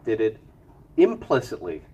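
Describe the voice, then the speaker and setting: Teaching law in a lecture room, this man calls on students by name and grills them; slight congestion lowers his voice from its usual pitch. It's lowish, warm, slightly rough, and unhurried, with huge pitch swings, and the highs are cut off.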